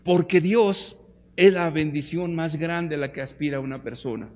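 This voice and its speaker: High-voiced Mexican preacher in a reverberant hall. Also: male voice, moderate pace. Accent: Mexican Spanish. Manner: fervent, rhetorical questions, swings from loud to hushed. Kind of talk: impassioned sermon.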